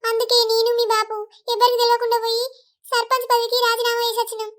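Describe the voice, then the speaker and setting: A woman's voice: very high voice, monotone, fast, fairly bright tone. A woman voicing an anxious middle-aged village mother-in-law in a cartoon, fussing and fretting in a Telangana Telugu accent. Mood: worried. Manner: fretful, fussing.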